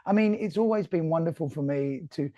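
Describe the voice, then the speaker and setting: A man's voice: fairly high pitch, a little fast, mellow, dry recording. A man with a Cockney accent hosting a live online interview, talking in an earnest, reflective way with many restarts. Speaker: host. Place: remote call.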